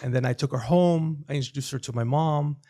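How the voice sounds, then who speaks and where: Gravelly middle-aged man, animated podcast banter. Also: on the high side, brisk. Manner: animated, slips into put-on voices for bits. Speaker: podcast co-host. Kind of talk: casual comedic chat.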